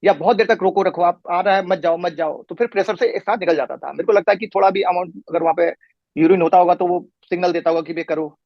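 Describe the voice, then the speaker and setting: A middle-aged man in a patient's chair who talks quickly in a rather high voice and rambles through detail, restarting often. The recording is dull and lo-fi, with a dry, close sound. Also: creaky, dry recording. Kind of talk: casual conversation. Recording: muffled lo-fi recording.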